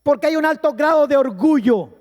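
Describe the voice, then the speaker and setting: High-voiced pastor preaching in a reverberant hall. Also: male voice, expressive, a little fast, darkish tone. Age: middle-aged. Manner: personal storytelling, earnest and emphatic. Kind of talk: sermon. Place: church hall.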